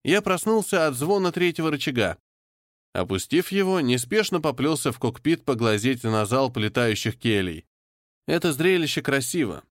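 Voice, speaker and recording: Man, first-person audiobook narration, steady measured delivery, dry close sound. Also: mid-range voice, dry recording.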